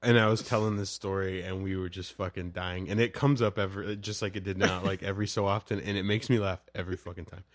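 A man's voice: low voice, fast talker, hardly any pauses, no room sound, clean studio sound. A young man co-hosting a podcast, telling a story in casual chat and laughing through it. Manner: laughs through his stories, profane and animated. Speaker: podcast co-host.

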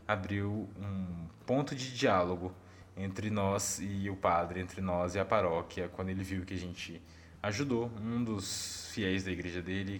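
A man with a Brazilian accent, a missionary, telling a personal story in a casual, animated way and talking straight to his audience. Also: fairly low pitch, a little hiss or hum.

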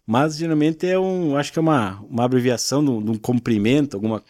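A gaúcho culture content creator from southern Brazil appears as a podcast guest, patiently walking through regional expressions in casual talk and frequently adding tag questions. He's a fast talker with a mid-range, darkish voice. The sound is clean studio audio with no room sound.

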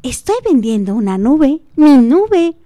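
A woman voicing a sweet, stubborn young girl who is selling a cloud, speaking high and innocent. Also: sing-song, takes it slowly, dark tone, no room sound, studio quality, heavily acted. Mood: childlike.

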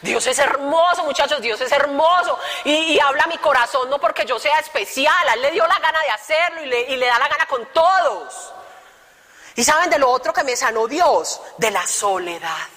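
A young woman giving an animated, joking testimony talk to young people, full of colloquial asides. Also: high voice, moderate pace. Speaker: speaker giving testimony to youth. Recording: reverberant hall.

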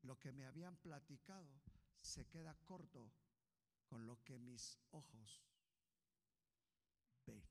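A man preaching a sermon as pastor, impassioned, swinging from hushed asides to shouts. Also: medium pitch, expressive, slow, creaky, pauses often. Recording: long hall reverb.

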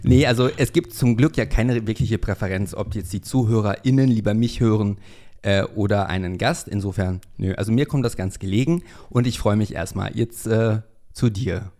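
This podcast host, speaking from a Berlin flat, keeps his casual interview chatty and peppered with fillers and self-corrections. He talks at a normal speed in a lowish voice with a darkish tone.

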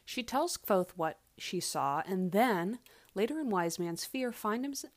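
A woman hosting a solo book podcast in an echoey space, speaking in a measured, deliberate way with dramatic pauses. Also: medium pitch, expressive. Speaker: podcast host. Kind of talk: podcast monologue, book commentary. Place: away from usual podcast setup, echoey room. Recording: echoey makeshift recording space.

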